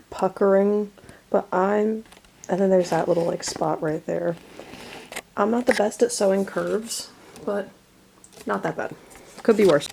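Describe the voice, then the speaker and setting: A woman's voice: on the low side, vocal fry, darkish tone, slight background noise. A young woman from New Jersey, chatting casually and rambling through a sewing voiceover, with lots of "like" as she talks. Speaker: sewing and cosplay vlogger.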